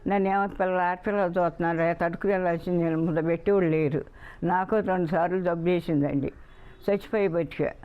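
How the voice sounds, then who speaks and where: A grieving woman with a low voice tells a reporter, in plain words, what she lost. The recording is muffled and lo-fi. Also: steady tone, fast. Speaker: fraud victim. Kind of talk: recounting events to a reporter.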